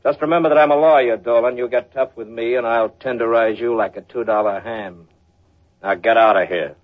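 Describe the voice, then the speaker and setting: A man's voice: mid-range voice, fairly even intonation, brisk, natural voice. Man playing a haughty, curt radio-drama lawyer. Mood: threatening. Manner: pompous, curt. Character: haughty, irritable male lawyer, coldly threatening. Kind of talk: 1940s radio acting. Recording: thin, phone-like old radio recording.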